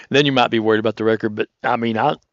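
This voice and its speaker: A man giving relaxed, conversational golf commentary in a chatty, rambling, anecdotal way. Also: mid-range voice, fast talker, dry recording, lo-fi sound.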